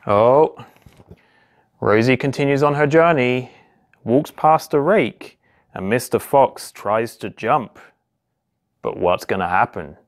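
Taking it slowly and pausing often, a thirtysomething police constable reads a story for small children from a small indoor room, perhaps an office or home. His medium-pitched narration uses simple phrases, expressive exclamations and questions to the kids.

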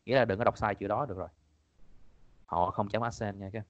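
A man's voice: fairly low pitch, quick pace, dry recording, lo-fi sound. A man teaching an online exam-prep class in a casual, chatty way, repeating his points and laughing often. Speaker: English teacher.

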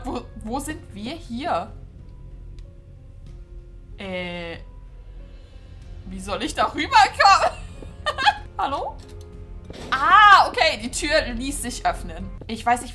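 A high, bright woman's voice commenting on a game she is playing. She swings her pitch all over the place and keeps turning to her viewers, chatty and excitable. Faint game music plays underneath. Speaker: gaming video host. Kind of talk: casual let's-play commentary.

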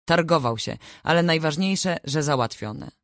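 A woman's voice: deep voice, lively intonation, moderate pace, dry recording, clean studio sound, pitched above the performer's own voice. Woman reading as a furious stern peasant father. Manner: barking, threatening.

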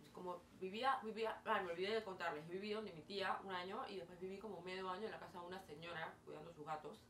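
A woman from Peru, speaking with a Peruvian Spanish accent in a fairly low pitch, vlogs chattily to camera, telling stories with animated hand gestures and frequent fillers. She's in a small indoor bedroom, and the distant camera mic gives a roomy sound with faint hiss.

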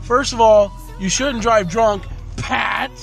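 Rowdy drunk party-animal man, slow talker. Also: high-pitched, creaky, fairly bright tone. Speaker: vlogger. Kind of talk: casual drunk vlog chat. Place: nights out in cars, bars and a house. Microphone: handheld camera at arm's length. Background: music.

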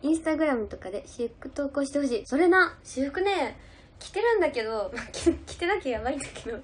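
Bubbly high-voiced young woman. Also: expressive, a little fast, noisy background. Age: young adult. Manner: bubbly and giggly, answers viewer comments. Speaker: idol livestreamer reading comments. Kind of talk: casual livestream chat.

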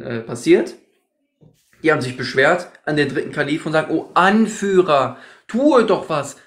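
Combative man ranting in an echoey room. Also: fairly high pitch. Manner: combative, scolding, repeats accusations. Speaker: livestream host. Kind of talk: heated religious debate livestream.

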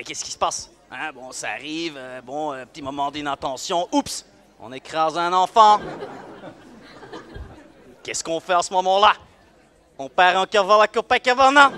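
A man playing a brash, swaggering, bigoted police officer in a live comic sketch, mocking and bursting into sudden shouts. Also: high-pitched. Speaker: comedian at a live event. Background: faint audience in a room.

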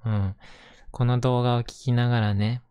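A man with a Kansai accent talking gently and casually in a reassuring, intimate ASMR bedtime style, close to the microphone. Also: medium pitch, level tone, moderate pace, clear, resonant tone, no echo. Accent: Kansai Japanese. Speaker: host reading bedtime picture books to listener.

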